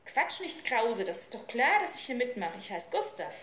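A woman's voice: fairly high pitch, sing-song, moderate pace, a bit bright. A woman reading aloud, voicing a cheeky, slangy street boy. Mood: brash. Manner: brash, slangy, eager. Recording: roomy with faint ambience.

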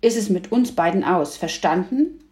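A woman's voice: on the low side, expressive, normal speed, a little mellow, lightly acted. A woman doing a cheeky sassy girl. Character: cheeky lively young girl cousin.

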